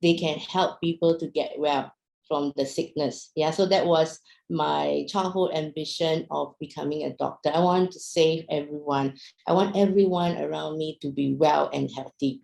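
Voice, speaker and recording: A woman's voice: sits low, fairly even intonation, moderate pace, gravelly, a little mellow, echoey room, low-quality recording. A young woman, raised in Singapore after being born in Myanmar, gives a casual talk to an online audience, asking questions and using many fillers. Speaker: speaker at an online business talk.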